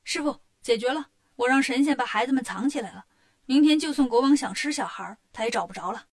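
A woman voicing a clever, boastful male monkey king in a storybook reading, talking briskly and confidently. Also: sits high, lively intonation.

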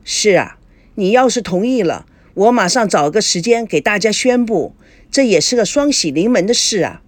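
A woman's voice: medium pitch, lively intonation, normal speed, dry recording, close to an everyday voice. A woman reading as a domineering middle-aged father. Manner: domineering, lecturing. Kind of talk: novel reading.

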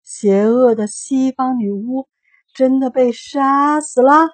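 A woman voicing a boastful old humbug wizard who turns meek and shaky, speaking slowly and loudly. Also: medium pitch, dry recording. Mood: trembling.

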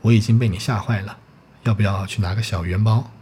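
A chatty, blunt peasant maidservant who scolds and teases , read out by a man in his own voice. The voice stays low and plain, with only a faint hiss of room ambience behind it. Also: fairly even intonation, a little fast, a little mellow, close to an everyday voice. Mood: chiding. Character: talkative peasant maidservant woman, blunt and teasing.

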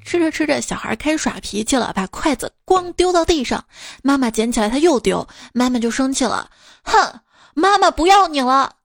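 A woman host reading out funny short stories in a light, playful way, with quick asides. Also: high voice, expressive, vocal fry, no echo, studio quality. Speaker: podcast host reading jokes. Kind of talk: comic storytelling. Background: faint background music.

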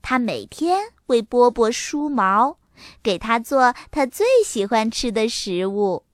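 A woman reading a children's story aloud in an expressive storytelling manner. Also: a little high, slow pace, no room sound, clean studio sound.

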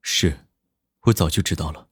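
A man doing a deep domineering tycoon. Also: a little mellow, husky, no room sound, studio quality. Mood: calm. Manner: slow, low, firm and intense. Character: domineering, possessive powerful man, grave. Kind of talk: audiobook character voice.

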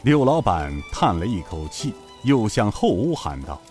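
Lively low-voiced male storyteller. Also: normal speed, soft background music. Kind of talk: audiobook novel narration.

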